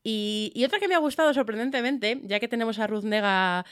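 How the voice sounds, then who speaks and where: A woman's voice: on the high side, brisk, clean tone, no echo, clean studio sound. A woman, co-hosting a casual film podcast and talking enthusiastically about movies, often restarting her sentences. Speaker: podcast co-host.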